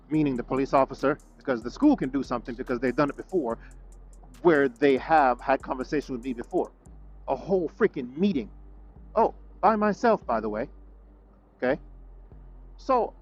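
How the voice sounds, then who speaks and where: A man venting in a vlog, indignant, repeating himself and stuttering as he rants about being shut out. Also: medium pitch. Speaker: vlogger. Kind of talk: frustrated talking-head vlog rant.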